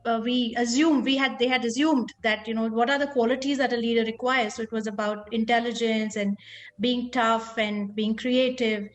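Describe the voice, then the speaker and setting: A woman's voice: fairly high pitch, fairly even intonation, moderate pace, faint music behind. A woman guest in a conversational interview, explaining her points at length and retelling a children's story. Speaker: guest, school founder.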